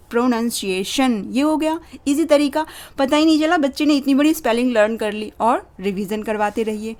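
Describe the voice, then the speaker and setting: A young woman, a parenting channel host, explaining to parents how to teach spelling, slowly sounding out words letter by letter and mixing English words into Hindi. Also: on the high side. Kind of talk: instructional talk for parents.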